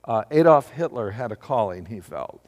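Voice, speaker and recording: A man's voice: on the low side, big pitch swings, normal speed, a little mellow. A man preaching a sermon to his congregation, often putting questions to them and asking them to answer aloud. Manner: asks the congregation questions and calls for responses. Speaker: pastor. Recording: long hall reverb.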